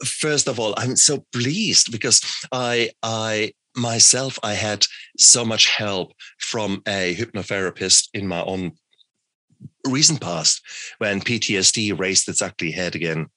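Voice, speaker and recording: A man hosts an interview show in a casual, rambling way, often restarting his thoughts. His voice sits very low yet carries a sharp, forceful edge. The sound is close and dry. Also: slow pace, dry recording. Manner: frequent restarts and fillers. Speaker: podcast host.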